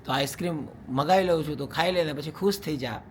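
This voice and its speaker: A young husband vlogs from home, chatting casually with viewers, teasing them and laughing often. His voice is a little high and a little fast, with slight background noise.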